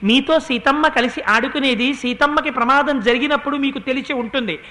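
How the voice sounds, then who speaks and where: A man doing a heartbroken young prince, begging everyone he meets for answers. The voice sits very high and rings bright and sharp, with lamenting, pleading questions, told as part of a devotional storybook retelling. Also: brisk. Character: grieving prince searching for his lost wife.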